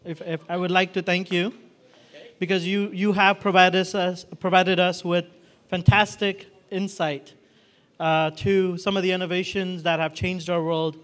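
A man in his thirties hosts a college event, talking freely with frequent restarts and fillers. His voice sits high for a man. He holds a handheld microphone in a large hall. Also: level tone, a bit bright. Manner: halting, many restarts and fillers. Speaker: event host. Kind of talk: unscripted event hosting. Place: large hall with red walls and a projection screen.

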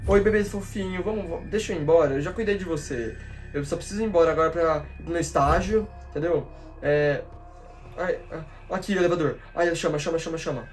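A nineteen-year-old Brazilian man plays a horror game and talks straight to his viewers in slangy, excitable Portuguese. He spooks easily, shrieking and repeating words in bursts of panic, his voice sitting a little high. Game music plays clearly behind him. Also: fast talker. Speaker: gaming YouTuber. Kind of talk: horror gameplay commentary.

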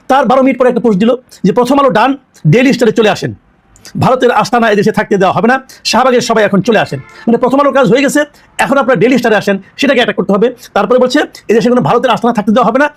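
A man giving indignant, accusatory political commentary, full of rhetorical questions. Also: extremely high pitch.

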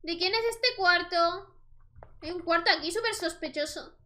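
Her very high-pitched voice is bright and forceful, moving at a moderate pace. She's a young let's play host with a Spain Spanish accent, giving chatty commentary on the game, exclaiming at what's on screen and speaking to her viewers.

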